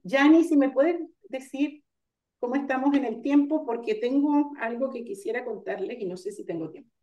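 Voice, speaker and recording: A woman's voice: high voice, dark tone, highs cut off. Woman teaching coaching online, echoey room, sits back from the mic, stops to think w fillers. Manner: explanatory, pausing with fillers to gather thoughts. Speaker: lecturer on ontological coaching. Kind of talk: online lecture. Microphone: video call. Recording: roomy sound, far from the mic.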